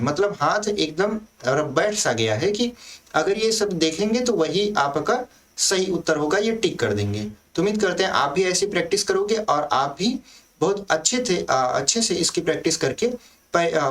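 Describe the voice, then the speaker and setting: Guy teaching grammar class, kinda high voice, a bit far from mic, keeps asking then answering himself. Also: a bit bright. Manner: explains step by step, asking and answering his own questions; often adds "thik hai" checks to the students. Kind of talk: recorded class lesson.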